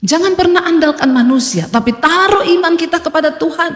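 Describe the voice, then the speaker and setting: A high-pitched woman pastor delivers an emphatic sermon, breaking into humorous asides and acting out what people say. Her voice rings with a long reverb through a big echoey hall. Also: brisk, a bit bright. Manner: emphatic preaching with humorous asides and acted quotes.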